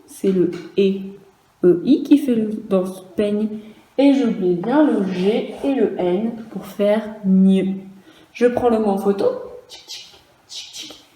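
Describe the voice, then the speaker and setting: A woman teaching young children a dictation lesson, speaking slowly and carefully, spelling out letters one by one and repeating each word. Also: mid-range voice, dark tone, reverberant, low-quality recording. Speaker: primary school teacher.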